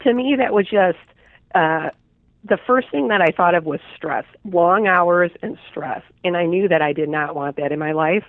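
A woman's voice: fairly low pitch, normal speed, no room sound. An American woman, congested with a head cold, telling her own story as an interview guest. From Chicago, United States. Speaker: podcast guest, chiropractor and business owner. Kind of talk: interview answers, personal storytelling. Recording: narrow tinny phone-like line.

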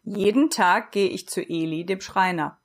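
A woman reading a storybook aloud and voicing a calm, self-assured little wooden girl who speaks in a matter-of-fact way. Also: medium pitch, moderate pace, natural voice.

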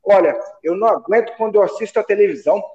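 A man's voice: high voice, racing, a little mellow. A man joking in a casual football chat, mock-indignant. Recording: dull roomy sound.

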